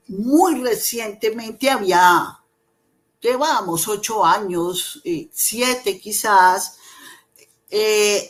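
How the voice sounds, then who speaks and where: A Colombian woman, an invited professor and researcher, gives an academic seminar presentation over a video call. Her middle-pitched voice moves very slowly and hesitantly, measured in pace, with frequent pauses and repeated words.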